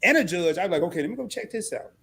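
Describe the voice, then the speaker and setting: Man from arkansas, high animated voice, host, chatty storyteller, faint background noise. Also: very fast, gravelly. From Southeast Arkansas. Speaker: live stream host. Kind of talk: casual interview chat.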